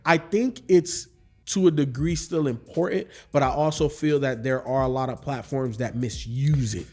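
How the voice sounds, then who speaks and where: A man's voice: medium pitch, normal speed, mellow. A man co-hosting a casual podcast, talking loosely and leaning on fillers like "you know". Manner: loose, filler-heavy, often asks "you know what I'm saying". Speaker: podcast co-host. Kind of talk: casual roundtable discussion.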